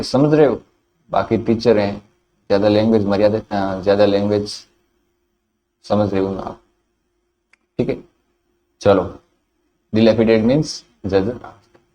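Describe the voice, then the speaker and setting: A man's voice: lowish voice, dark tone, slight background noise. A man with a Hindi accent teaching English vocabulary in a classroom lecture, repeating each word and answering his own questions.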